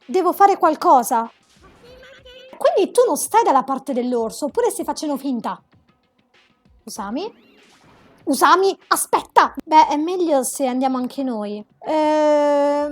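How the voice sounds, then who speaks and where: A woman with a very high, piping voice narrates her playthrough of a game, voicing the lines herself and bursting into dramatic rants at the characters. Soft game music plays faintly underneath. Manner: dramatic, exclamatory, ranting at characters. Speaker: gameplay commentator. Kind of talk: let's play commentary reading dialogue aloud.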